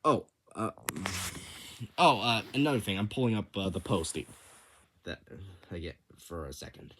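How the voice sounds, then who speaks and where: A man's voice: lowish voice, expressive, normal speed, a bit bright, a little hiss or hum. A young man casually explaining contest rules, stammering often with many restarts and fillers. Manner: impulsive, enthusiastic. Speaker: channel host announcing a creature-design contest. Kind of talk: casual unscripted rules rundown.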